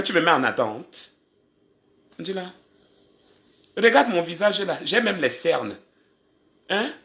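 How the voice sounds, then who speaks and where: A man hosting a casual livestream from home into a phone, talkative and teasing, with his voice sometimes drifting away from the mic. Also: fairly high pitch. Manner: talkative, teasing, switches to quiet aside on phone calls. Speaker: livestream host.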